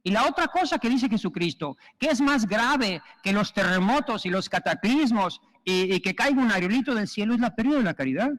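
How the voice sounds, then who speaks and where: A priest preaching a sermon and telling stories with humor in an animated way, in a long church reverb. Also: male voice, high-pitched, fairly quick, hardly any pauses.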